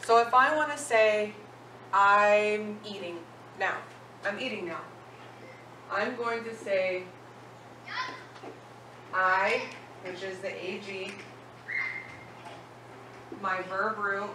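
Heard through a far-off mic in an echoey room with a noisy background, the teacher speaks slowly with long pauses in a steady, medium-pitched voice. She stays patient throughout this language lesson, posing questions and checking understanding with "okay?".

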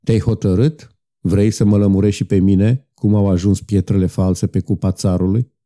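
A man voicing a solemn, patient outlaw leader who speaks calmly and persuasively in an audiobook. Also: sits low, lightly acted. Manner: calm, gentle, persuasive.

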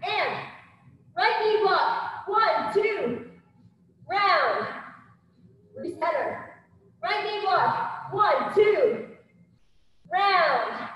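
Woman boxing coach shouting combos mid workout, really high voice, big echoey gym hall, far from mic. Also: extremely slow, pauses often, highs cut off. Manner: energetic, shouting counts and cues while exercising. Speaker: kickboxing coach. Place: indoor gym with turf floor. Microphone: far camera across the room.

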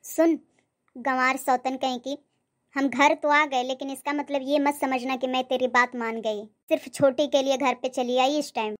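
A woman does a nasty young co-wife in a cartoon. high, sharp-sounding voice, sneering and bossy, hurling insults and barking orders. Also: fairly even intonation, normal speed, lightly acted. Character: spiteful young second wife, haughty and bossy.

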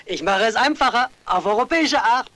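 A jovial, worldly friend. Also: male voice, extremely high pitch, animated, fairly quick, pushed and bright, heavily acted. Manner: jovial, laughing. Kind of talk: German film dub.

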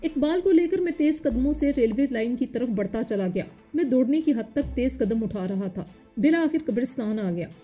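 A woman narrates a story in a steady, even reading. Her voice is high and mellow, and faint music plays underneath. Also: moderate pace, few pauses.

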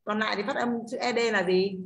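A woman's voice: medium pitch, steady tone, fast talker, creaky. Woman teacher explaining step by step. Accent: Northern Vietnamese. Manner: explains step by step, keeps checking with "đúng không?". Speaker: English teacher. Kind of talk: online class teaching.

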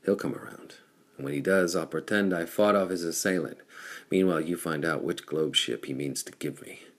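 A man's voice: deep voice, normal speed. A man reading the lines of a bold adult male pirate chief who speaks in an earnest, determined way.

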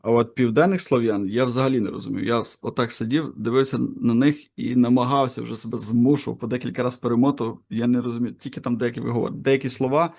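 A man's voice: mid-range voice, fairly even intonation, fast talker, vocal fry, hardly any pauses, darkish tone. A man as interviewer, asking casual, curious questions and sharing his own anecdotes. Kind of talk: conversational interview.

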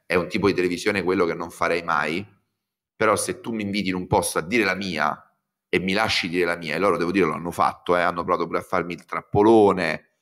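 Low-voiced man telling animated stories. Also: fast. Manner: animated storytelling, swears freely. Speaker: guest commentator. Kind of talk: casual chat.

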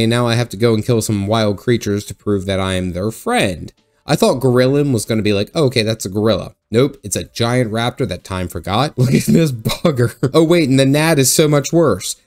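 A man's voice: fairly low pitch, a little mellow. A man narrating a recap of his own game session, sarcastic and joking, often laughing at the game. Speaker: gaming video host.

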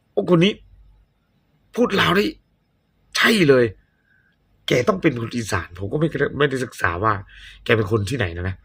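A man's voice: mid-range voice, fairly bright tone, breathy edge. A man hosting a movie reaction channel, chatting casually and rambling, with blunt opinions and frequent self-corrections. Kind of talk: casual chat.

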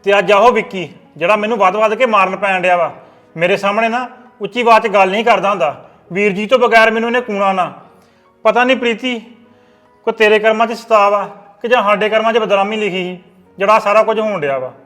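An actor playing an earnest elder brother giving stern advice in a family drama. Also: male voice, sits high, fairly even intonation, brisk, fairly bright tone, soft background music. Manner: earnest, lecturing.

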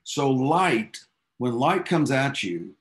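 A man's voice: mid-range voice, very animated, takes it slowly. A man teaching a physics class, telling the story behind the science in an enthusiastic, casual, storytelling way with offhand asides to his students. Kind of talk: classroom lecture.

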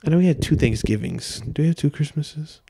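Laid-back young man with a gravelly voice. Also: fairly high pitch, expressive, a little fast, background noise. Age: 20s. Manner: laid-back, loose and meandering, frequent filler words and swearing. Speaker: podcast host. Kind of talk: casual solo rambling podcast. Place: small room at home, seated by a door. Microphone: handheld dynamic mic, wearing headphones.

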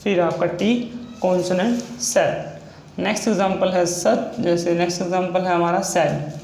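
A man's voice: sits high, steady tone, normal speed, gravelly, darkish tone. A man teaching a shorthand lesson, explaining each step over and over. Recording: echoey room with faint noise.

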